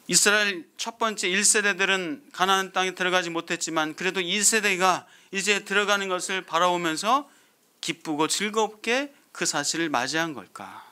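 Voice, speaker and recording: A man preaches in a high, ringing voice. He keeps putting questions to his listeners and says key phrases twice for weight. The voice is forceful and bright throughout. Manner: asks the congregation many rhetorical questions; repeats phrases for emphasis. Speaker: pastor. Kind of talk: sermon.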